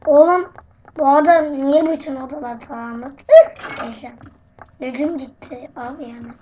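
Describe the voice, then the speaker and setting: A gaming channel host with a hoarse, sick voice commentating on gameplay, jumping between excited bursts and mumbled asides. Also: high voice, moderate pace. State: hoarse from illness. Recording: dull lo-fi audio with background noise.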